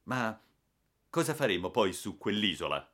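A man's voice: lowish voice, sing-song, normal speed, fairly bright tone. A man voicing an anxious, urgent man aboard a wrecking ship. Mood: worried.

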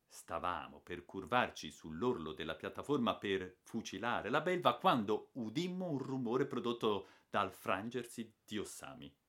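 Expressive male audiobook narrator, lively pitch. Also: measured pace, hardly any pauses. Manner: expressive, dramatic. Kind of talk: dramatic audiobook reading.

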